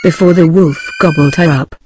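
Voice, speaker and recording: A woman narrating a storybook tale in a soft, even reading voice. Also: low voice, normal speed, background noise.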